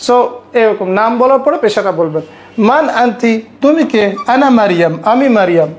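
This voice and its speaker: A woman teaching an Arabic language lesson, saying phrases slowly, repeating them and often checking with her students. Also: on the high side, animated, darkish tone.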